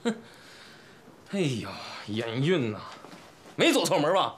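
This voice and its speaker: An actor playing a young husband who is quick to anger, loud, mocking and quarrelsome. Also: male voice, on the high side, very animated, slight background noise. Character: hot-tempered, bullying young husband. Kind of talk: TV drama acting.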